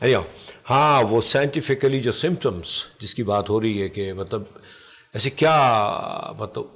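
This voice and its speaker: A man's voice: medium pitch, a bit bright. A man with a Pakistani accent hosting a TV health talk show, chatting casually and earnestly advising viewers, mixing in English phrases. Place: TV studio.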